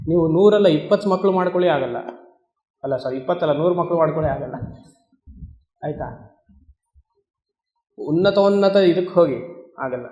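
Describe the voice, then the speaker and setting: A man, a swami, giving a spiritual discourse on Vedanta, talking conversationally, asking the listeners questions and chanting Sanskrit verses slowly. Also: fairly high pitch, warm tone, reverberant, muffled recording. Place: discourse hall.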